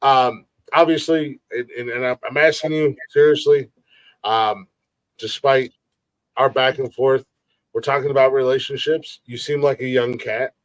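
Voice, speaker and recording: A man's voice: medium pitch, fairly even intonation, a little slow, no room sound. Rambling, swearing man in his forties. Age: 40s. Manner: rambling, repeats words, swears freely. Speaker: podcast host. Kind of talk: casual live-stream chat.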